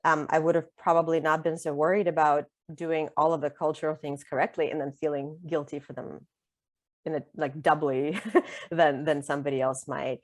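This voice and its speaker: A middle-aged woman, an author whose first language is Russian, chats casually as a guest in a conversational interview. Her voice is low and mellow with a level tone at a normal speed, recorded with no room sound. She's talkative, laughs easily, and fills her speech with fillers and restarts.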